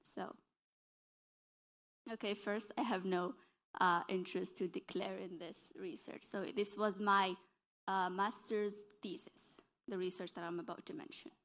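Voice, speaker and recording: In a conference session hall, a young Algerian woman presents as a dietitian, earnest in her explanations and quick to correct herself. Her mid-range voice is fairly bright, evenly intoned and a little slow.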